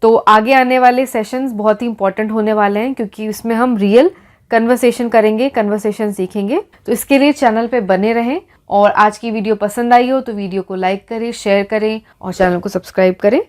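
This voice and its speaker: A woman teaching English pronunciation, reading word lists slowly and explaining each one. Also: fairly high pitch, fairly even intonation. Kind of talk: slow classroom-style explanation.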